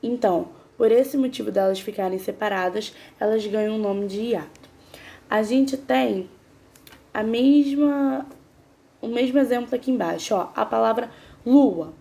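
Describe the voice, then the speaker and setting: Her voice is a little high, creaky, and mellow. During a grammar lesson she patiently pronounces syllables one after another and poses questions to the class.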